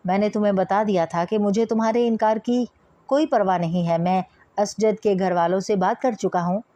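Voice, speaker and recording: A woman's voice: mid-range voice, fairly even intonation, normal speed, dark tone, no echo, close to an everyday voice. A woman reading the lines of a stern, domineering father who lays down the law to his daughter. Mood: angry. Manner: authoritative, commanding.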